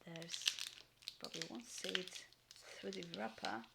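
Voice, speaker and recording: Chatty woman with a gravelly voice. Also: lowish voice, fairly even intonation, a little slow, heavy background noise. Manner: chatty, frequent ums, drops into soft whispers. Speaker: vlogger reviewing military rations. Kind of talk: casual unboxing and taste test.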